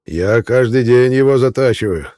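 A man voicing a gloating bearded hitman in an audiobook, speaking higher and louder than his narration with a dark, mellow tone. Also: expressive, moderate pace, natural voice. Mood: mocking. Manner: gloating, then panicked pleading. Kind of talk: audiobook character reading.

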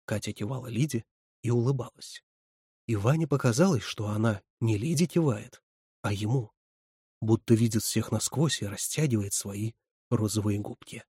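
A man reading a novel aloud as an expressive audiobook narrator. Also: lowish voice, moderate pace, slightly rough, no room sound, clean studio sound.

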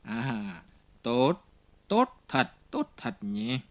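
A man voicing a harsh, brutal police inspector who barks contemptuous orders in an audiobook, his voice slightly husky. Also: medium pitch, big pitch swings, a little slow, heavily acted. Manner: barking, contemptuous, shouting orders.

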